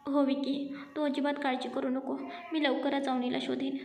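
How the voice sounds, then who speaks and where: Woman reading earnest young husband, soft-spoken, high voice, echoey room. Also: flat delivery, moderate pace, creaky. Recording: echoey room with faint music.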